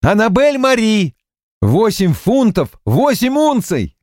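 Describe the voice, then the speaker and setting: A man reading an audiobook voices an overjoyed young new father who shouts with delight, his voice pitched well up. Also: wildly swooping pitch, slow pace, no echo, clean studio sound, exaggerated voice.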